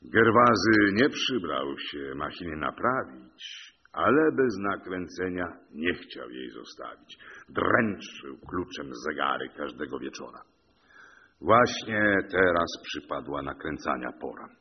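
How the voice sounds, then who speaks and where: A man reciting epic verse in a measured, rhythmic narration. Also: rumbling low, big pitch swings, dull audio, a little hiss or hum.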